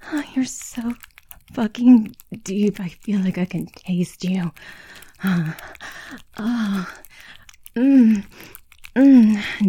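Young woman, soft breathy whisper, slow drawn-out murmuring, mellow tone. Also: medium pitch.

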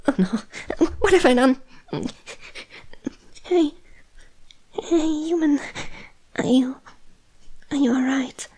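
A woman's voice: fairly low pitch, slow, a little mellow. A woman playing a proud but anxious snake-bodied monster woman in an audio role-play, speaking hesitantly and stammering to the listener. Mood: alarmed, pleading.

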